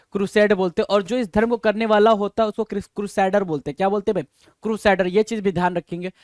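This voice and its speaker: Male exam-prep vocabulary teacher, high-pitched, casual, repeats and spells terms, dry close recording. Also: darkish tone, dry recording. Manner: repeats words and spells them out letter by letter; quizzes listeners with rhetorical questions.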